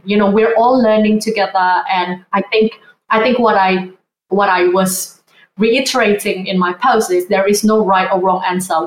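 A woman's voice: mid-range voice, roomy sound, rough recording. A woman, talking as a podcast guest in an earnest, reflective way. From Indonesia. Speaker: guest, vintage blogger. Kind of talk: conversational interview.

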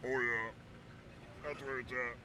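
Young man with a deep, slowed gas voice. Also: little pitch movement. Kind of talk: rowdy festival vlog banter. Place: outdoor festival campground. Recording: crowd chatter all around. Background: busy festival crowd.

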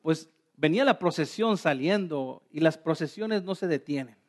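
A man preaching with a high, light voice. He tells a story in short phrases and keeps asking the congregation questions. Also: animated, moderate pace. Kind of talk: sermon in Spanish with live interpretation.

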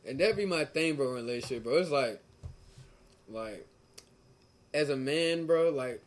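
A man with a moderately high-set voice talks casually among friends while drunk. His speech is loose, profane and thick with slang, constantly addressing the others as bro. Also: lively intonation, moderate pace. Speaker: co-host of a casual livestream. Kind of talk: casual group chat.

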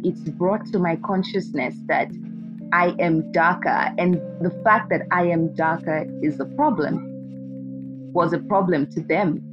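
A woman's voice: on the low side, dull audio. A woman from Zimbabwe, a guest in an interview, talking candidly and restarting her sentences. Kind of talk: conversational interview.

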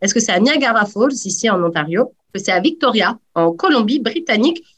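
A woman's voice: medium pitch, lively intonation, fast talker, a bit bright. A woman hosting a radio sports quiz over a video call, teasing the players. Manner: playful, teasing. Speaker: quiz host.

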